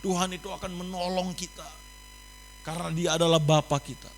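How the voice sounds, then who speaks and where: A young man preaching a sermon at an online youth service, switching between loud exclamations and quiet, confiding passages. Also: sits high, level tone, a little fast, faint music behind, rough recording.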